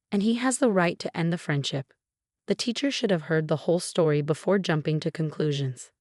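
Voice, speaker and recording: Low-voiced woman narrating, dry and even. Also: dry recording. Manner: even, measured reading with no fillers. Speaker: story narrator. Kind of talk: scripted narration of online posts.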